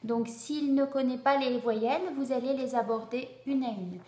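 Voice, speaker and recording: A woman's voice: high voice, normal speed, a little mellow, roomy sound. A woman teaching parents how to introduce vowels to a child, explaining patiently and drawing out each vowel sound to model it.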